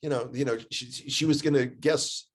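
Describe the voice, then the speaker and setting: With a steady tone and moderate pace, a mid-range male voice with an American accent belongs to a guest who guides tours in Israel. His storytelling is casual and conversational, emphatic, with phrases repeated for effect.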